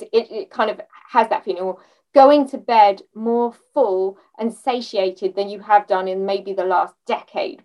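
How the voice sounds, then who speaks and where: Woman host, a bit distant from the mic. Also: mid-range voice. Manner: thoughtful, asks long reflective questions. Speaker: podcast host. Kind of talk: conversational interview.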